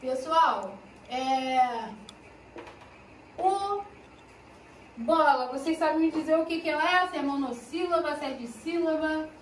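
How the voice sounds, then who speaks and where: High-voiced teacher in an echoey room. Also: female voice, distant mic, slight background noise. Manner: slow, drawn-out explanations with frequent "né?" and "ó". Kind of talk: recorded class lesson.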